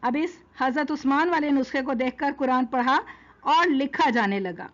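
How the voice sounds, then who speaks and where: Woman lecturer, high voice, steady explanatory delivery in numbered points, dull lo-fi recording. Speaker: religious lecturer. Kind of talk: religious history lesson.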